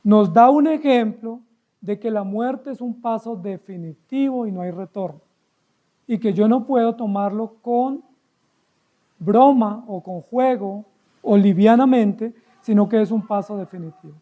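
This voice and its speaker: A man's voice: high-pitched, unhurried, phone-quality sound. A man with a Colombian accent preaching an expository sermon as pastor, emphatic and full of rhetorical questions to his listeners.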